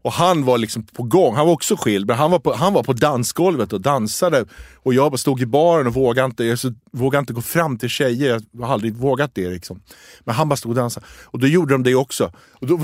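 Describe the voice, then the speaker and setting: A man's voice: medium pitch, dry recording, clean studio sound. A man, telling stories in a casual chat and acting out the voices of the people in them. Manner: animated storyteller, acts out voices, quick laughs.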